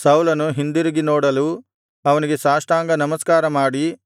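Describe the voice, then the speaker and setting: Male scripture reader, smooth clear voice, very dry close recording. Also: a little high, dry recording. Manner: steady, measured recitation. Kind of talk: scripted Bible reading.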